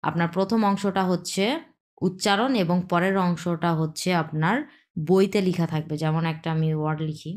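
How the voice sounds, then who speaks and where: A woman teaching a pronunciation lesson, repeating sounds slowly and checking in with her students. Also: fairly low pitch, steady tone, a little mellow. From Bangladesh. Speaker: language teacher.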